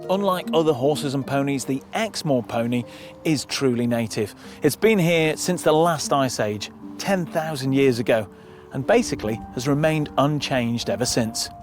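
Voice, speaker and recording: A man's voice: mid-range voice, animated, normal speed, music in the background. A man giving scripted narration for a nature documentary.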